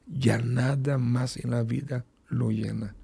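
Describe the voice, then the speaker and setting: A pastor speaks as a guest on a radio program, telling a testimony in a gravelly, husky voice. His tone is dark and mellow, and he takes his time, with plenty of fillers and repeated words. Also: medium pitch, fairly even intonation. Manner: unhurried storytelling with many fillers and repetitions.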